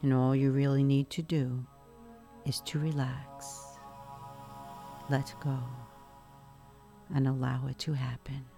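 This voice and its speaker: A woman guiding a relaxation meditation in a soft, soothing, hushed spa voice, leaving long pauses between phrases. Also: a bass voice, level tone, vocal fry. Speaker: meditation guide. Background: music.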